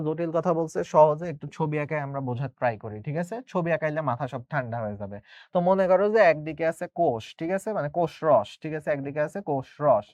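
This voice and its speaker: A young man teaching an exam prep lesson in a fast, chatty way, often correcting himself. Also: a little high, no echo, muffled recording.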